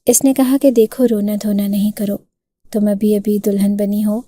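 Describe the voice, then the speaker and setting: Storybook husband read by a woman: smug, coaxing lecture, warm dark voice, dry sound. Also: medium pitch, fairly even intonation, dry recording, lightly acted. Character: calm, persuasive young husband, smug.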